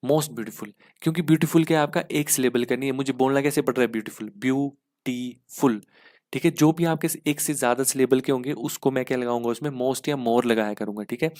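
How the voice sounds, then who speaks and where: A man's voice: mid-range voice, fast talker, few pauses, darkish tone, no room sound, clean studio sound. A man teaching an exam-prep English grammar lesson, explaining step by step and asking "ठीक है?" again and again.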